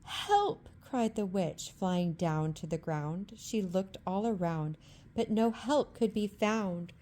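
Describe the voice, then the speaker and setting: A woman reading a rhyming bedtime story aloud in a calm, rhythmic ASMR style. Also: on the low side, takes it slowly.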